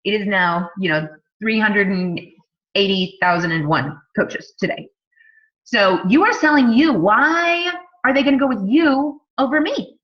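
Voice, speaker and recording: A woman's voice: mid-range voice, unhurried, lo-fi sound. A woman in her thirties, a fitness coach, giving a casual sales talk full of "like", "you know" and rhetorical questions. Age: 30s.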